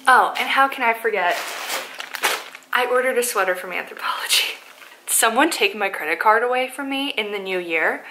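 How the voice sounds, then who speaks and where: A Polish woman in her twenties vlogs into a close-up handheld camera, moving between her apartment living room, a car and a store. Her slightly hoarse voice sits on the high side, animated at a moderate pace over background noise, and she's chatty and self-mocking, full of likes and ums.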